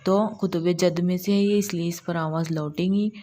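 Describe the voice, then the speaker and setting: A woman teaching Quran recitation step by step, patiently repeating syllables slowly and drawn out. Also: on the low side, steady tone, mellow. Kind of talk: step-by-step tajweed lesson.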